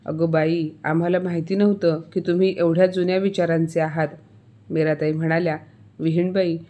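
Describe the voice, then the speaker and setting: A woman narrating a scripted family story, reading every character's lines in one steady voice. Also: fairly low pitch.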